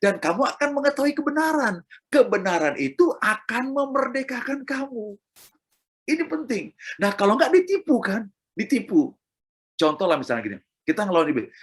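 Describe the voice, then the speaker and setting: A middle-aged man delivers a sermon with a slightly husky, breathy tone. His pitch swings widely as he drives points home and repeats himself. He speaks straight to his listeners. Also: sing-song, moderate pace. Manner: emphatic, repetitive, addresses listeners directly. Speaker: preacher.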